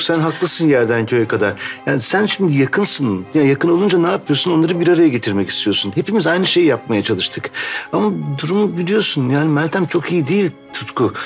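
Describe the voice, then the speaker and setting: Sitcom friend: quick, raspy-edged, comforting. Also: male voice, on the high side. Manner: consoling, filler-heavy. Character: Tuna, soothing family friend. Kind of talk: TV sitcom acting.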